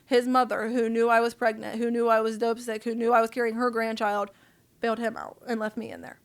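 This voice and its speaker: A woman sits in as a podcast guest and tells her story in a loose, blunt, profane way. Her voice sits a bit higher than most women's. She talks casually, as if to a friend across the table. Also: fairly quick. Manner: candid, profane, animated storyteller.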